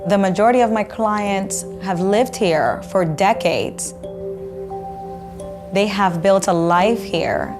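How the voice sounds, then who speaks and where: A woman's voice: medium pitch, animated, takes it slowly. Earnest woman attorney over music. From Dominican Republic. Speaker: immigration attorney. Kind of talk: documentary interview.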